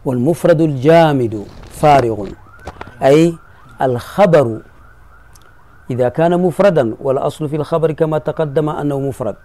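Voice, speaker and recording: Acting as a sheikh in a classroom, a man explains a grammar poem on Arabic grammar, patiently repeating key phrases and checking that his students are following. His voice is a little high with a dark tone, and he speaks at a moderate pace with frequent pauses.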